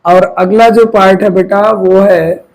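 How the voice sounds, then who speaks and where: High-voiced man teaching a class. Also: fairly even intonation, unhurried, a little mellow, poor audio. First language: Hindi. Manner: repeats key terms, quizzes students and answers himself. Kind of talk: classroom lecture.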